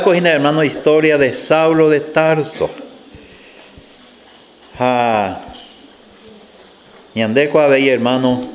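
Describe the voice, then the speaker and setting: A man preaching a sermon, reading scripture aloud and explaining it to his congregation, often calling them "brother.". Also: a little high. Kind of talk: sermon mixing Spanish and Guarani.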